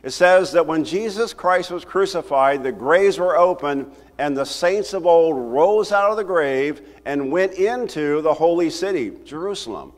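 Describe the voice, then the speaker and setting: An older man preaching a sermon from a church pulpit, talking to the congregation in a conversational, animated way. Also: a little high, a little slow, few pauses. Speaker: pastor. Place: church sanctuary, at a wooden pulpit. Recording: roomy hall reverb from the sanctuary.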